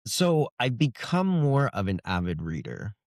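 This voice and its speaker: Medium-pitched with big pitch swings and a darkish tone, this middle-aged man speaks at a measured pace. He's a fantasy author being interviewed, sharing things casually, reflectively and conversationally. The recording is dry and studio-clean.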